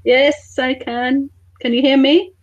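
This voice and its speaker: A woman's voice: sits high, fairly even intonation, slow pace, highs cut off. A woman being interviewed over a video call, her glitching audio dropping in and out while she keeps repeating that she is there. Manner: repeats herself, calling out to check she is heard. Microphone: computer or phone mic on a video call.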